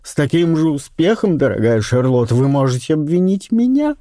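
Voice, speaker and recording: A man's voice: fairly high pitch, sing-song, no room sound, studio quality, pitched above the performer's own voice. A man playing a soothing aristocratic viscountess. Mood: firm. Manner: soft, soothing, measured. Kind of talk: audiobook character reading.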